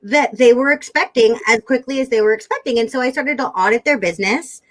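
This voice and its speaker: A woman's voice: fairly high pitch, a little fast, poor audio. A woman sales coach speaking as a guest in an interview, emphatic and stacking words for effect. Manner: emphatic, builds lists of words. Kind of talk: animated interview talk.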